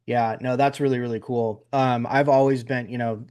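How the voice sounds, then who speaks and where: A man hosting a podcast, speaking in a middle-pitched voice. He talks in a loose, rambling way, with lots of fillers and restarts, like a friendly open chat. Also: level tone, normal speed, darkish tone, clean tone. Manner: rambling, repeats words, many fillers. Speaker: podcast host. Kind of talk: casual interview chat.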